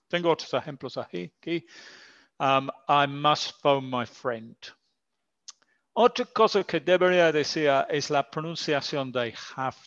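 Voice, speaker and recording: A man's voice: medium pitch, fairly bright tone, smooth, no echo, highs cut off. A man teaching English in an online lesson, explaining patiently in Spanish with English example phrases, his first language being English.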